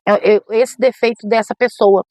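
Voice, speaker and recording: A middle-aged woman, a podcast guest and missionary preacher, telling an emotional personal testimony with animated storytelling. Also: medium pitch, normal speed, no room sound. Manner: animated storytelling, acts out quoted voices.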